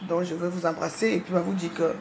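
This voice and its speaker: A woman's voice: fairly low pitch, level tone, vocal fry, a little hiss or hum. A middle-aged woman talking on her livestream, repeating fillers and stammering, then hurling insults in a heated rant. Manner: shouting insults, rapid and heated. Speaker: social media livestreamer.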